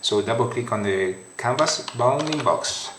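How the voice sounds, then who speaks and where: Italian-accented man, software tutorial narrator, unhurried halting delivery, roomy echo. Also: medium pitch, lively intonation, noisy background. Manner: halting non-native English with many fillers. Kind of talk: screen-recorded software tutorial. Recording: roomy echoey home room.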